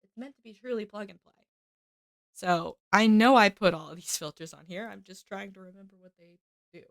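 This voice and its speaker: A creaky, medium-pitched woman talks a little fast in a casual, upbeat live stream, chatting with viewers and thanking subscribers from her home setup. She's slightly stuffy with a cold and uses a desk microphone with headphones; the sound is studio quality with no room sound.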